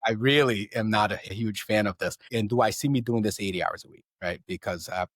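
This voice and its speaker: Brazilian-born man, 30s, very low voice, dry close mic, chatty and energetic interview guest. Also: brisk, no room sound. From Southeast Brazil. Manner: energetic storyteller, repeats words, asks "right?" often. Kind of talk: casual interview talk.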